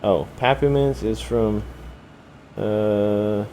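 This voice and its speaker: A young man from the US talks to his chat in a relaxed, rambling way, full of fillers and second guesses. His voice sits low and dark. A faint fan hum runs underneath the home mic. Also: extremely slow, rough recording. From United States. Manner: rambling, hesitant, lots of fillers and self-corrections. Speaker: streamer. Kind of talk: casual live-stream chat with chat readers.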